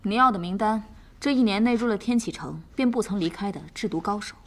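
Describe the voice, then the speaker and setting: An actress playing the sharp, self-assured female head of an information network, briefing others. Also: mid-range voice, fairly quick, natural voice. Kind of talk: period drama acting.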